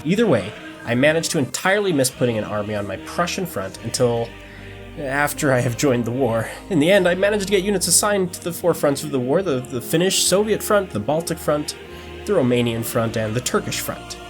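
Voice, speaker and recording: A man's voice: on the high side, sing-song, fairly quick, music in the background. A man narrating a strategy game campaign in a mock-dramatic storytelling tone, breaking it with dry joking asides.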